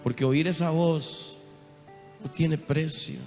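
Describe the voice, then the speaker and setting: Costa Rican male preacher, high pitch, emotional sermon, long reverb of a church hall. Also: steady tone, slow pace. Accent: Costa Rican Spanish. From Costa Rica. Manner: emotional testimony, swings from hushed to loud cries. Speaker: apostle preaching. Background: soft guitar music.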